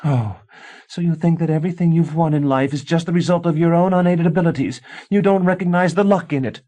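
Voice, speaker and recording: In this audiobook, a man voices a frantic young wife who secretly practices witchcraft, shrill as she pleads and hurls accusations. He reads at a moderate pace in a darkish tone, and the mood stays shrill and accusing.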